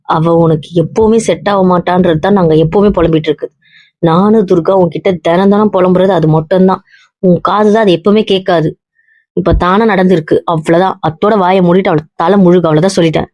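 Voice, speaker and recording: A woman's voice: fairly low pitch, steady tone, fast, mellow, no room sound, close to an everyday voice. Woman playing a bossy protective cousin. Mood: blunt teasing. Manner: bossy, lecturing, keeps asking "understand?". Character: young married woman, blunt and protective toward her heartbroken cousin. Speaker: actor in a web drama. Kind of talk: web series drama acting. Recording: dull, muffled dry audio.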